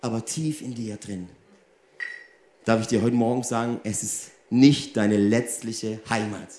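Speaking a little slowly in a lowish voice, a German preacher addresses his audience head-on with a stream of rhetorical questions, his manner animated. The room is echoey, and there's a faint hiss or hum.

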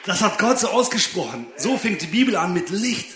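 A man's voice: sits high, sing-song, brisk, fairly bright tone, soft background music. A young man preaching, telling a funny personal story and laughing often. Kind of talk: lively sermon with personal anecdote. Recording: echoey room.

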